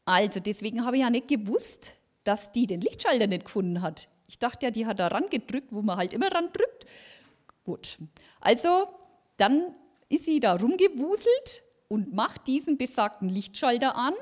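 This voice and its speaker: A woman giving a lively personal testimony at a church service, acting out the dialogue as she tells it. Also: fairly high pitch, moderate pace. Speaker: lay speaker giving a testimony.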